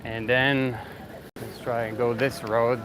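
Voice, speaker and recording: A man talks loosely to his livestream chat while out riding through city streets at night. His pitch sits in a middle range, and he trails off and restarts often. Traffic and street noise come through clearly behind him. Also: little pitch movement, slow pace. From Canada. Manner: rambling, answers chat, many fillers. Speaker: vlogger livestreaming.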